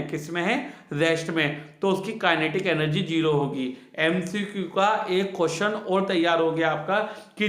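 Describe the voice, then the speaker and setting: Male physics tutor, fairly high voice, on terms, quizzing and repeating answers, echoey room. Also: fairly bright tone. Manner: repeats each key answer twice, asks the students questions. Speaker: science teacher. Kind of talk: classroom physics lesson.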